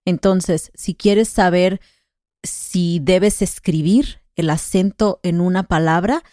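A woman's voice: lowish voice, takes it slowly, warm tone, no room sound, clean studio sound. A woman co-hosting a conversational Spanish lesson podcast, patiently explaining grammar rules with examples.

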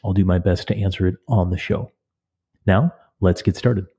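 A man hosting a podcast and answering listener training questions as a coach, his voice crackly from a cold, advising in a measured way with some fillers. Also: deep voice, mellow, slightly rough. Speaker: podcast host and cycling coach.

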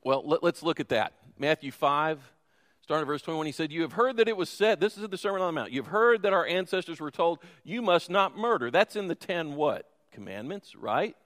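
A man's voice: a little high, expressive, brisk, fairly bright tone. A man preaching a sermon in a conversational way, asking the congregation questions and joking with them. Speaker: pastor. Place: church sanctuary. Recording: reverberant church hall.

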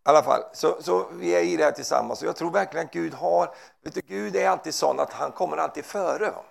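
A man's voice: fairly high pitch, creaky. A man preaching informally, fervent and rambling, who peppers his talk with hallelujahs and amens. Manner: rambling, with frequent restarts and asides.

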